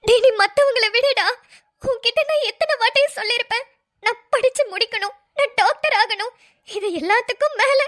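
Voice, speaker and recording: A woman's voice: extremely high pitch, a little fast, fairly bright tone. A woman voicing a hurt, tearful young woman in a cartoon, who speaks in a reproachful, sobbing way. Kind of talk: cartoon voice acting.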